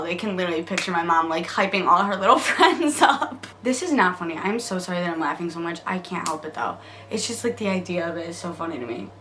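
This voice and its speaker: A woman's voice: mid-range voice, sharp tone, slight background noise. A young woman vlogger telling a spooky story in a casual, rambling way, often giggling and saying "like.".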